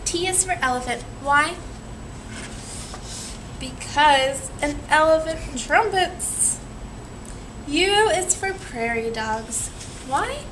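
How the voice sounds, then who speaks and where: Reading to children in a teacherly way, a young adult woman uses a high, expressive voice, moving slowly with long pauses and prompting them with questions. She sits in a small room; the camera mic a few metres off picks up a noisy environment.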